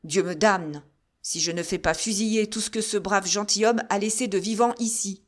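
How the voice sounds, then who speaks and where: A woman voicing a stern male general with calm authority, scolding his soldiers with rhetorical reproaches. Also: mid-range voice, normal speed, lightly acted. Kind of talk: audiobook character reading.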